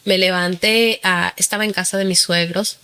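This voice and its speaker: A woman's voice: lowish voice, fairly even intonation, moderate pace, bright, forceful tone, clear, resonant tone. A woman in her forties with a Peruvian Spanish accent, a guest recounting her personal testimony in earnest storytelling, with frequent fillers. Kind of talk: testimony interview.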